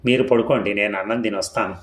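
A man's voice: on the low side, steady tone, fast talker, natural voice. Worried young wife, read by a male narrator. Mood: pleading. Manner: worried, pleading. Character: anxious young wife, fearful and pleading. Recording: echoey room.

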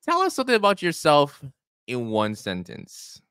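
This young podcast host speaks with a fairly high, wildly swooping pitch at normal speed, his tone fairly bright, clear and resonant with no room sound. Chatty and encouraging, he repeats himself during a casual interview from his small home studio, using a studio mic and headphones.

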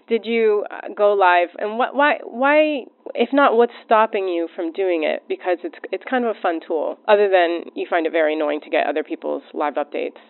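A woman's voice: mid-range voice, normal speed, no room sound. A woman asking long, blunt, teasing questions. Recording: tinny phone-like recording.

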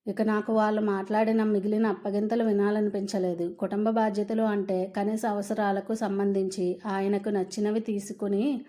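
A woman narrating a first-person family story in a steady, subdued reading. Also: medium pitch, normal speed.

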